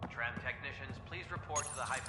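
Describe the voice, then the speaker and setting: An actor voicing a formal station announcer speaking over a PA system with measured announcements. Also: male voice, mid-range voice, very noisy. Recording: echoey distant PA speaker, loud game music.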